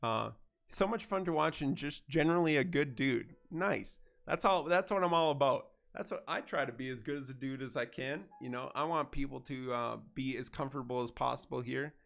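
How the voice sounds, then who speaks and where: Nasal and gravelly from a stuffed-up head cold, a streamer chats through his gameplay livestream at a brisk clip and medium pitch. He's easygoing and friendly, warmly thanking viewers as faint music plays in the background.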